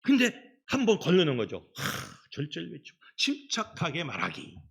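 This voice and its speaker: A middle-aged man preaching a children's Sunday sermon as pastor, in an animated storytelling manner. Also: a little high, moderate pace, gravelly, husky. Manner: animated storytelling, acts out quoted voices. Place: church sanctuary.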